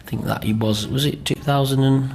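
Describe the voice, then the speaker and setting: A faint hiss or hum runs under this brisk, steady, medium-pitched voice, which has a darkish tone and some vocal fry. The speaker is a middle-aged Greater Manchester man, an amateur pantomime performer chatting in an interview, rambling and leaning on tag questions.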